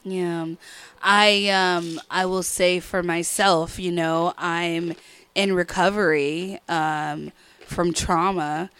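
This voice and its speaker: A woman's voice: on the low side, fairly even intonation, slow pace, fairly bright tone, smooth, no room sound. A woman in casual podcast chat, talking openly and reflectively and laughing often.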